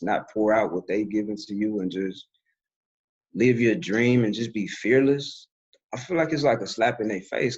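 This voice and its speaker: A man's voice: on the low side, a little mellow, husky, lo-fi sound. A man talking in a loose, reflective way on a podcast, full of fillers. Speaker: podcast host. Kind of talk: casual conversation.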